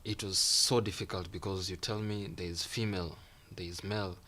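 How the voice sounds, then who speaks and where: A young Kenyan student, whose first language is Swahili, is a guest in a casual conversational interview. He speaks briskly in a low-pitched voice, relaxed, repeating phrases and acting out the reactions he quotes. There's faint background noise.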